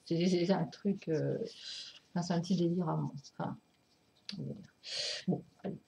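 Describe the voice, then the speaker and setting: A woman showing her record collection in a casual vlog, hesitant with many fillers and apologies, excited and laughing often, drifting nearer and farther from the camera mic. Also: on the low side, moderate pace, creaky, dull audio, slight background noise.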